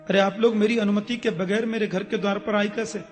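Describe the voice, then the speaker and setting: A man playing a short-tempered bandit who shouts and bullies. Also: high-pitched, fairly even intonation, fairly quick, faint music behind, lightly acted. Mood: angry. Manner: shouting, domineering.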